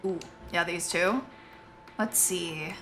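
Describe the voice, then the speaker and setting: Bright-voiced woman streamer, joking. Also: fairly low pitch, slow, faint music behind. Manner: joking, laughs often. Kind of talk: casual gameplay commentary.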